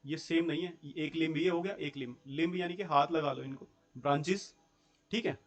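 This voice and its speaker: A man's voice: a little high, a little fast. A young man teaching a school geography class, explaining step by step in a mix of Hindi and English terms and checking in with his students. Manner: explains step by step, often checks in with "theek hai" and rhetorical questions.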